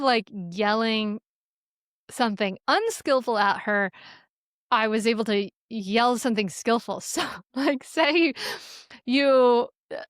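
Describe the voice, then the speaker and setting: A middle-aged woman in an interview, giving parenting advice in an animated, storytelling way, often laughing and restarting her sentences. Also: on the high side, dry recording, studio quality. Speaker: parenting guest.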